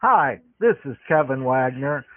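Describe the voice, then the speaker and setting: A man's voice: medium pitch, animated, unhurried, background noise. A man making a phone call, heard over the phone line, politely explaining his request at length. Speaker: caller. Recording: tinny dry phone call recording.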